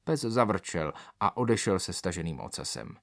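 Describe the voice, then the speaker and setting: Expressive male storybook narrator. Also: low voice, vocal fry, no room sound, studio quality.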